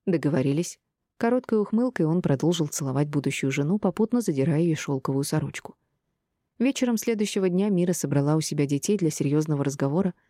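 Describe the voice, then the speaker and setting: A woman reads a novel aloud in an even, steady narration. Her voice is low and mellow. The sound is close and dry, with no room around it. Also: no room sound. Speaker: audiobook reader. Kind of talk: scripted narration.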